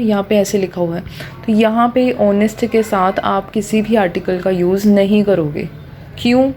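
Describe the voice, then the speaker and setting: A woman gives a grammar lesson in a patient, step-by-step way. Her voice is mellow and soft-edged, at an ordinary middle pitch. She keeps repeating the key point and pauses to check in with the class. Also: slight background noise. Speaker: English grammar teacher. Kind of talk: explanatory lesson.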